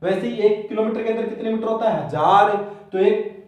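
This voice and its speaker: Male physics teacher, high voice, playful quiz-and-answer delivery, distant mic. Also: a little fast. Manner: asks questions and answers them himself; playful, counts zeros as sweets. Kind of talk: board lesson for school exams. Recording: very echoey room, distant mic.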